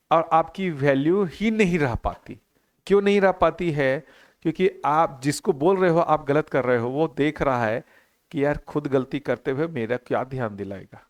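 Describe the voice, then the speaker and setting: A middle-aged man giving an earnest talk to a live group, asking questions and repeating his key phrases. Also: fairly high pitch. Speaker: teacher of a value-education course.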